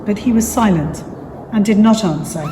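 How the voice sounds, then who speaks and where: A woman's voice: mid-range voice, normal speed, warm tone. A woman narrator reading scripture as part of a dramatic reading. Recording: echoey reverberant hall, clear background noise.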